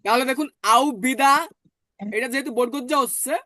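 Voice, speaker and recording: A man teaching German in an online class, explaining patiently and slowly repeating words. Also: very high voice, steady tone, sharp tone, dry recording, studio quality.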